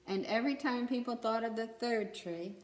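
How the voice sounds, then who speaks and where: Her voice slightly high and a little mellow, a woman gives an expressive reading of a children's story, pausing to ask questions of the young listeners. The recording picks up an echoey room.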